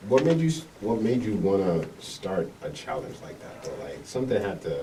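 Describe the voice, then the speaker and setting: A man's voice: deep voice, very animated, fairly quick, dark tone. A man hosting a podcast, laid-back and slangy, asking rambling questions. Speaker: podcast host. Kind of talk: casual podcast interview. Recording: distant mic with faint noise.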